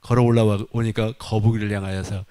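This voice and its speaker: A man's voice: on the low side, little pitch movement, fast, mellow, smooth. Man preaching with emphatic repetition. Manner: emphatic repetition, folksy asides. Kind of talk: sermon.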